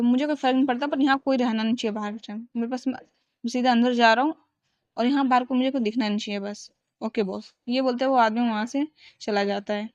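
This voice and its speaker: A woman retells a romance story in a loose, chatty way, with restarts, and speaks each character's lines without really changing her voice. Her voice sits a little high. The recording is dry and a bit dull, like a budget home setup. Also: darkish tone, dry recording. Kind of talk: casual retelling of a fan story.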